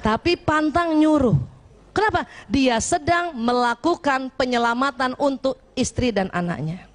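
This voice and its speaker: High-voiced playful woman lecturer. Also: measured pace. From Indonesia. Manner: lively, playful, often acts out husband and wife. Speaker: religious lecturer. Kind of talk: religious lecture to women.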